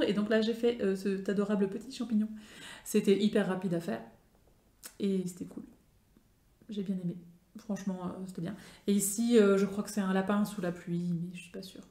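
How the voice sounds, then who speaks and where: A woman's voice: mid-range voice, fairly even intonation, normal speed, warm tone, reverberant. A woman with a French accent chatting casually about her craft projects, with many fillers and restarts. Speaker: craft vlogger. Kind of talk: casual show-and-tell chat.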